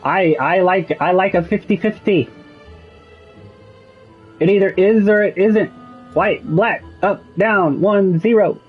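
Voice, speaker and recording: A man talks slowly over gameplay, wandering from thought to thought and restarting his sentences. His voice sits a bit high, and the sound is slightly dull with faint music underneath. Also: slightly rough. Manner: musing, digressive, with frequent restarts. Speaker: gaming streamer. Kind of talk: casual rambling commentary over gameplay.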